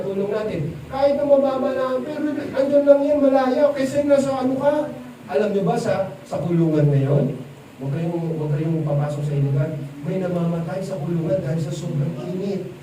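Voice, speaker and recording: A male preacher giving a lively sermon at a church event, quizzing the audience and mixing in English. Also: high-pitched, fairly quick. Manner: animated, quizzes the crowd, mixes English. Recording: echoey hall, distant mic, noisy.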